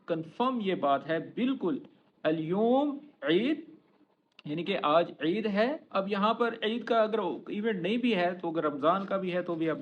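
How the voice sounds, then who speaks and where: Chatty high-voiced man teaching phrases. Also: muffled recording, slight background noise. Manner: chatty, coaxing, slows down to model phrases. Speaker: Arabic teacher. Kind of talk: casual spoken-language lesson.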